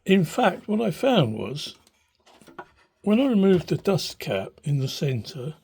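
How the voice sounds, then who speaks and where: In a small, cluttered indoor room, an older man who restores radios as a hobby gives an unscripted, informal demonstration in a hesitant, thoughtful way. His fairly high voice has a sing-song lilt, a slow pace, creakiness, a darkish tone and a breathy edge. A handheld phone behind the camera records him.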